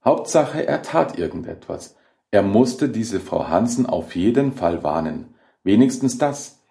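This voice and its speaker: A man narrates a horror short story with a low, dark, mellow voice. His delivery is measured and dramatic, and his pitch moves expressively. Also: sing-song, creaky. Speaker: audiobook narrator.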